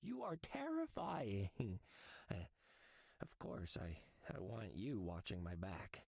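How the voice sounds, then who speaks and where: A man playing a woozy, rattled male cat detective in a cartoon noir game, speaking haltingly. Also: low-pitched, a little mellow, no echo, studio quality. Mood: amused, nervous.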